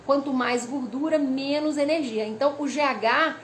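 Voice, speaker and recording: Speaking at a normal pace, a high-voiced woman who teaches weight loss walks the camera through how hormones work. Her delivery is lively and casual, read from notes and peppered with "né?" and "tá?", over faint background noise.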